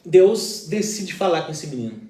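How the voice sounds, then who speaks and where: A man's voice: a little high, big pitch swings, moderate pace, dark tone, echoey room, distant mic. A man, a pastor, talking through a Bible reflection in an earnest, explanatory way with everyday examples.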